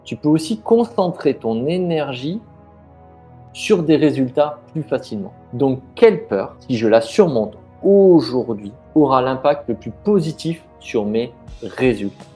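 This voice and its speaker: A man's voice: mid-range voice, animated, a little slow, dark tone, faint music behind. A man coaching the viewer directly in an informal, encouraging way, with fillers and restarted sentences. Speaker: business mindset coach. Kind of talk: coaching video talking straight to the viewer.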